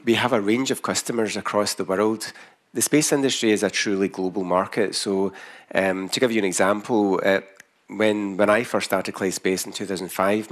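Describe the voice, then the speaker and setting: A man with a broad Scottish accent giving a business presentation as a company founder, speaking carefully so listeners can follow. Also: lowish voice. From Scotland.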